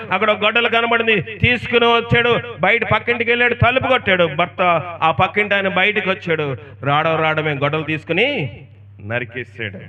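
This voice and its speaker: A man's voice: high-pitched, pushed and bright. A man preaching an emphatic sermon, firing off rhetorical questions and telling stories. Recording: distant, dull lo-fi sound.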